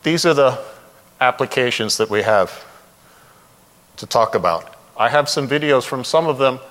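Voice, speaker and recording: A developer trainer and consultant presents at a conference in a large indoor room, his voice ringing through the reverberant hall. He's informal and candid, talking conversationally and readily sharing opinions, with a mid-range, slightly bright voice, lively intonation, and normal speed.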